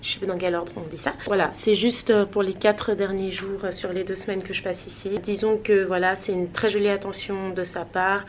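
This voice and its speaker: A woman's voice: medium pitch, flat delivery, brisk, hardly any pauses, a little hiss or hum. A woman from Switzerland chatting casually to her vlog viewers, rambling with many hesitations. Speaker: vlogger.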